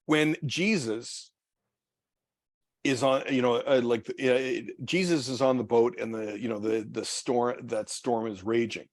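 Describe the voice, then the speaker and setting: A pastor leading a church study group, talking casually and haltingly with many restarts and repeated words. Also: male voice, medium pitch, steady tone. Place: church meeting room.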